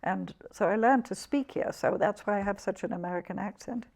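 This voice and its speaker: A woman in her eighties from England, a poet talking haltingly about her life and reading her own poems in an interview. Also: medium pitch, vocal fry, a little mellow. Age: 80s. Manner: halting, restarts often, vivid when reading. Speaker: poet guest.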